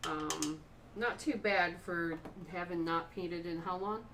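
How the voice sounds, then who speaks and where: A woman's voice: fairly low pitch, takes it slowly, fairly bright tone. A woman co-hosting a painting stream, joking and chatting casually. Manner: joking, laughs often. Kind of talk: casual chat. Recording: distant voice with faint room noise.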